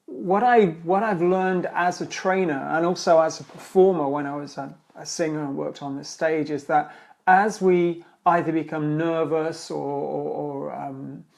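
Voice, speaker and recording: Chatty male host with a higher voice. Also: steady tone, a little slow, vocal fry. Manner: chatty, rambling, with many fillers and restarts. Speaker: speaking coach and trainer. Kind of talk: live-streamed Q&A monologue.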